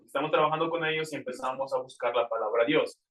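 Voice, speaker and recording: A man's voice: medium pitch, fast talker, fairly bright tone. A man explaining Bible translation in a church question session, earnest and explanatory, often restarting his sentences. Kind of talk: church Q&A talk. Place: church sanctuary. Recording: roomy church hall from far off.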